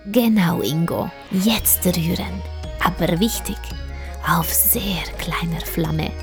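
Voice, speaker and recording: A woman with a fairly low voice plays a cheerful, proud male bear chef in a children's audio story. She speaks slowly, in an encouraging teacher's tone, with soft music underneath.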